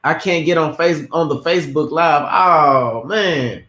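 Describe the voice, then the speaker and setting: Rambling host in an echoey room. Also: male voice, fairly high pitch, a little slow, sharp tone. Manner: rambling, repeats words, hypes the audience. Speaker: host of a live-streamed interview show. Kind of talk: casual live-stream interview.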